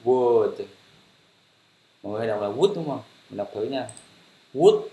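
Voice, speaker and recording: A man's voice: lowish voice, lively intonation, rapid-fire, mellow. A man teaching English pronunciation, repeating each word several times in a patient, encouraging way. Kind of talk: language lesson, drilling words. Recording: roomy echo.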